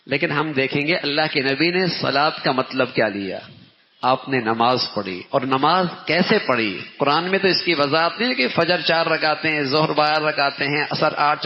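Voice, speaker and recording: Emphatic preacher in a reverberant hall. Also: male voice. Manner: emphatic, swings pitch widely, repeats phrases for stress. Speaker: religious teacher. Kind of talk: Ramadan sermon lecture. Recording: dull lo-fi sound with long hall reverb.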